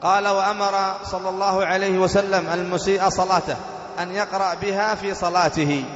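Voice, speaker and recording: A man's voice: high voice, little pitch movement, fairly bright tone, slight background noise. Man teaching in an echoey hall. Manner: explains step by step, repeating key points; slows to recite Quran verses with careful stress. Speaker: sheikh teaching fiqh. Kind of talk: religious lesson. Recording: echoey hall, dull lo-fi sound.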